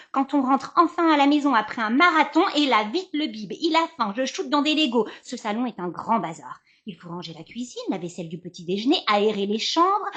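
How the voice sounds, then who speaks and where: A woman performing a lively monologue as a podcast columnist, acting out a hectic day with her children. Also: a little high. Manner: theatrical, switching between narration and acted dialogue. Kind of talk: acted monologue about a mother's day.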